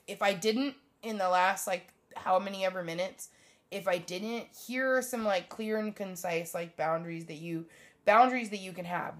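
A young woman hosting a solo podcast from her bedroom, rambling bluntly and swearing often in a casual monologue. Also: lowish voice. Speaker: podcast host.

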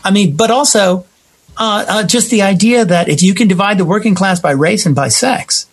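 An American man talks casually about politics, emphatic and explanatory, repeating phrases for stress. His husky voice sits high and moves at a normal speed, with slight background noise.

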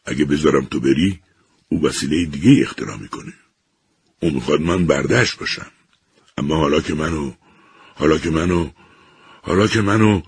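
A man voicing a lonely, bitter sentient machine that speaks slowly and gravely. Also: rumbling low, no echo, exaggerated voice.

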